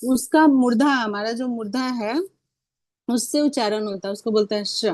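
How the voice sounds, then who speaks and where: A woman teaching fellow teachers over a video call, walking through each point patiently and stopping to ask rhetorical questions. Her voice sits a little high. The sound is close and dry, with no room around it. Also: normal speed, darkish tone, no room sound. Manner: patient, explanatory, asks frequent rhetorical questions. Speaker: Hindi teacher training other teachers. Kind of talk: online teacher-training class.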